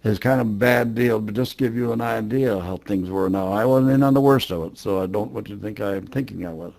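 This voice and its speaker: Elderly American man, veteran interviewee, factual and modest, gravelly low register. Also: fairly quick, darkish tone. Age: older, 80s. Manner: matter-of-fact, understated. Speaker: war veteran. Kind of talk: interview recollection.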